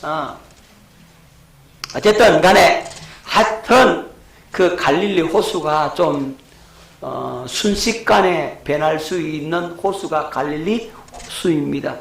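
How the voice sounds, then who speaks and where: A man's voice: a little high, expressive, takes it slowly, gravelly, pauses often, echoey room, low-quality recording. A middle-aged male pastor, preaching a lecture-style sermon and asking his congregation questions. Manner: rhetorical questions to the congregation, shouting acted quotes.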